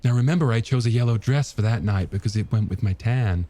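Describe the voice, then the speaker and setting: In an audiobook, a man with a lowish, dark, natural voice plays a wistful married woman looking back on the past with some hesitation. He talks fast, and there's no room sound at all.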